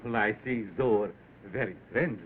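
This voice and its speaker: A man's voice: fairly low pitch, normal speed, natural voice. A man playing a very old, cagey shopkeeper. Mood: stubbornly evasive. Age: older. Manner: broken English, cagey, clipped phrases. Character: very old, evasive Chinese herb seller. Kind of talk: 1930s film acting. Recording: tinny, noisy old film soundtrack.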